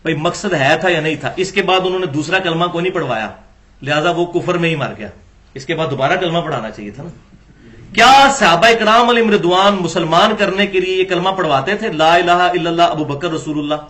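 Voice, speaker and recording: Guy lecturing on religion, high sharp voice, keeps firing rhetorical questions. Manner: argumentative, rhetorical questions, acts out quoted dialogue.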